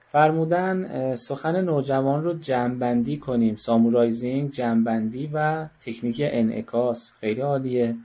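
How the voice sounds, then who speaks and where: A man's voice: medium pitch, warm tone. A man teaching an online parenting workshop, coaxing and joking with participants as he calls on them by name. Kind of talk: online class lecture.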